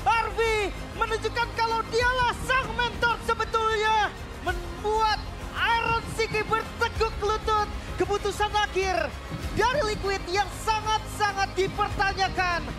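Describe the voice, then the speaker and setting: A man's voice: very high-pitched, little pitch movement, unhurried, over a noisy crowd. A man with an Indonesian accent giving live match commentary in the hyped manner of a fighting game announcer. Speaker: esports commentator. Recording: voice over loud game music.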